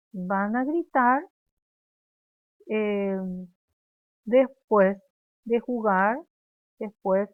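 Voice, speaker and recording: Slow Paraguayan woman teacher, thin phone-like sound. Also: on the high side. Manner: slow, clear, repeats phrases for students to echo. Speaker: Guarani language teacher. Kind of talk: classroom lesson, drilling conjugations. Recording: dry, phone-like narrow sound.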